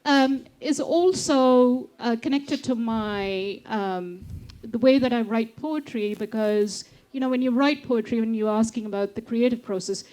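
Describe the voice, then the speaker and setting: A woman poet from India, her voice mellow and fairly high, gives a measured recitation at a festival panel before moving into hesitant chat full of fillers. The poetry reading and panel talk come through on a low-quality recording.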